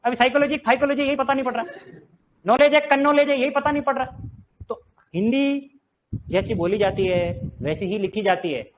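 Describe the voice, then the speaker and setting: A man's voice: extremely high pitch, normal speed, pauses often, slight background noise. A man teaching a grammar lesson to exam students, firing rhetorical questions and drilling them on reading aloud. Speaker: Hindi teacher. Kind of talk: classroom lesson.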